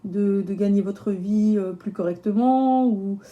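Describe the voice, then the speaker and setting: A woman with a slightly hoarse voice, chatting casually through a tarot reading with lots of fillers and restarts. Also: mid-range voice, a little slow, highs cut off. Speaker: tarot reader.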